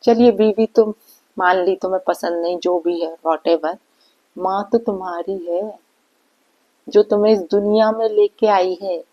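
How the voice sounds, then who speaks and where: A woman's voice: mid-range voice, fairly even intonation, a little slow, lo-fi sound. A woman vlogger giving a reaction commentary, scolding and indignant, firing off rhetorical questions. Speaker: vlogger reacting to online drama.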